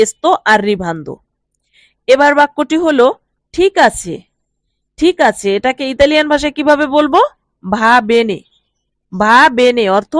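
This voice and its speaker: A woman with a Bengali accent teaching a language lesson, saying each phrase slowly twice and then explaining its meaning. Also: high voice, dry recording.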